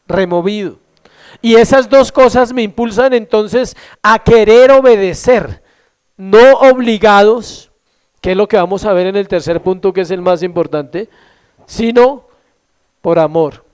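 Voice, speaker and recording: A male pastor preaching a sermon, asking the congregation questions and answering them himself, stretching key words slowly for emphasis. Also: high voice, a little mellow, clean tone.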